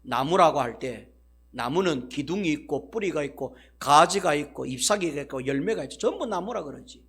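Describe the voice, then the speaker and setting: A male pastor delivers a sermon in a high, bright voice with a gravelly edge. He preaches emphatically, swinging between loud declarations and hushed, intimate asides. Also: lively intonation, moderate pace.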